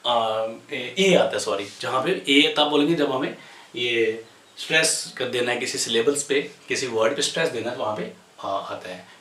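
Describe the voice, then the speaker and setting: A man from India teaching an English grammar lesson to a class, explaining slowly with many pauses and fillers and mixing English terms into his talk. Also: mid-range voice, fairly bright tone. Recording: roomy echo, voice from a distance.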